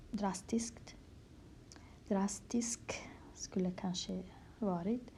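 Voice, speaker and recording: Soft-spoken woman teaching letters. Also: medium pitch, slight background noise. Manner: slow, patient, repeats words, often drops to a whisper. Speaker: language teacher. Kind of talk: handwriting lesson in Kurdish letters, explained in Swedish.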